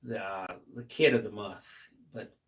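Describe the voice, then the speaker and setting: A man co-hosting a live craft stream, reading viewer comments aloud with relaxed, joking asides. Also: lowish voice, unhurried. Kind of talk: live stream co-host chat.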